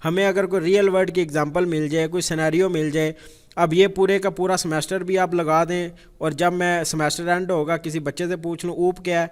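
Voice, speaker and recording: Pakistani guy teaching code, chatty, repeats stuff, slightly high voice. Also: flat delivery, smooth. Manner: conversational, repeats phrases, frequent fillers. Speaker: programming instructor. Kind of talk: lecture.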